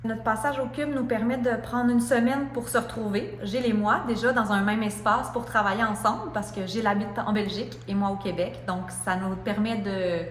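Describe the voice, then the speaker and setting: A woman's voice: mid-range voice, a bit bright, reverberant, slight background noise. A woman, a theatre artist describing her project in an interview, speaking hesitantly with many fillers. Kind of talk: interview testimonial.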